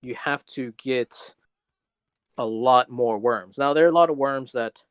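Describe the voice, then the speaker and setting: A man co-hosts a casual podcast chat, delivering long, rambling explanations in a dry, deadpan way. His pitch is ordinary and middle. The sound is close and dry, with no room echo. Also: unhurried, clear, resonant tone. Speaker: podcast co-host.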